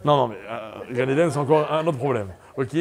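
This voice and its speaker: A middle-aged man teaching a Torah class, animated, questioning his listeners and mixing Hebrew terms into his talk. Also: mid-range voice, a little fast, vocal fry. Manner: animated, asks the audience questions, spells out Hebrew letters; mixes Hebrew terms into French. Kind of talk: lively Torah lesson to a live audience.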